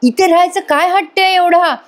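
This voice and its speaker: A woman's voice: very high-pitched, fairly even intonation, moderate pace, pitched above the performer's own voice. A woman voicing a young husband who speaks with irritation and coaxes his wife. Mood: irritated.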